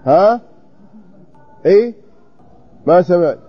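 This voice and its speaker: A man teaching a classical text study lesson, questioning his students and slowly repeating words to drill their pronunciation. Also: high voice, expressive, husky, faint music behind. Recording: dull lo-fi recording.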